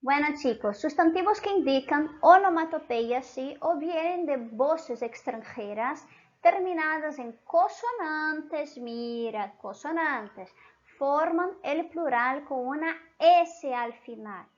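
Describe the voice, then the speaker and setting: Woman Spanish teacher, native Portuguese speaker, high voice, patient and repetitive, muffled recording. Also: lively intonation, slow. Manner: repetitive, checks in with "¿sí?" and "entonces"; switches between Spanish and Portuguese. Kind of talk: online language lesson.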